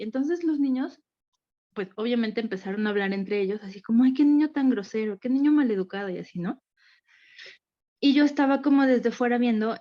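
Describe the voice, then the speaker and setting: A woman's voice: fairly high pitch, a little mellow, lo-fi sound. A woman in a group session telling a candid, rambling account of a hard day, overwhelmed and acting out what others said. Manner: candid, rambling, acts out quotes. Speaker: group participant.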